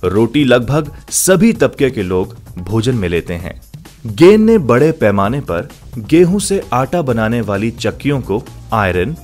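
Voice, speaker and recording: A man reading scripted documentary narration in a measured, formal manner. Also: mid-range voice, sing-song, darkish tone, soft background music.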